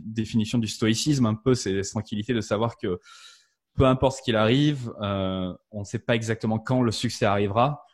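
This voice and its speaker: A man in his thirties, a podcast guest talking casually with many fillers and restarts. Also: lowish voice. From France. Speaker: podcast guest, marketing strategist. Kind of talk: casual interview chat.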